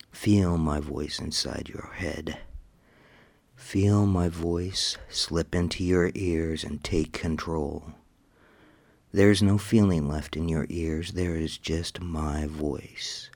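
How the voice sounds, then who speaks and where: A man narrating a scripted hypnotic induction, slow and repetitive, giving commands and dropping into soft whispers. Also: sits low.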